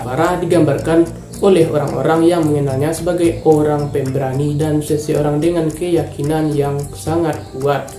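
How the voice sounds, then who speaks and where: Indonesian guy doing true crime, kinda high voice, roomy echo, quiet music under it. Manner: informal, openly angry at the culprit. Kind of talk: casual true-crime narration. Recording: echoey room with faint music.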